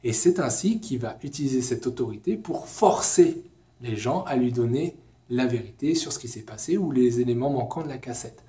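Lively young man in a lecture hall. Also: mid-range voice, normal speed. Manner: lively, talks with his hands, many fillers. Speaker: educational video host. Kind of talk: informal explainer lesson.

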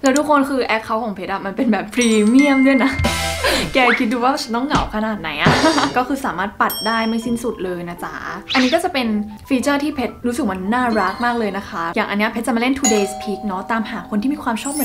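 A woman's voice: a little high, quick pace, over music. A young woman in her twenties hosting a casual vlog, chatty and playful, laughing often. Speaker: vlog host.

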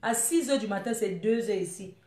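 A woman's voice: mid-range voice, moderate pace, mellow, echoey room. A woman live streaming, reading out viewer comments and scolding her viewers in a rambling, teasing way. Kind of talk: casual live stream chat.

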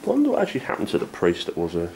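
A man's voice: low-pitched, huge pitch swings, very fast, creaky, noisy background. A middle-aged man exploring an abandoned house, joking crudely and swearing in casual banter. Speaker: urban explorer.

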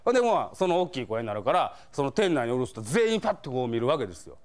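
A man's voice: mid-range voice, fast talker. A man with a Kansai accent telling funny stories as a comedian, acting out the scenes as he goes. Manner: animated, acts out scenes, chuckles through punchlines. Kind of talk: comic storytelling monologue.

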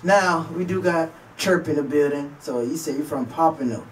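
Male DJ host, a touch high, hype-man affirmations, off-mic in a small studio. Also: moderate pace, distant mic, a little hiss or hum, poor audio. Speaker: radio DJ host. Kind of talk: casual interview chat. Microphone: studio boom mic.

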